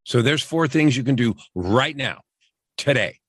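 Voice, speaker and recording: A middle-aged man, a coach and podcast guest, talking earnestly in a repetitive, emphatic way, his voice dropping low on key phrases. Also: lively intonation, a little slow, fairly bright tone, no room sound, studio quality. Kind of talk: motivational interview talk.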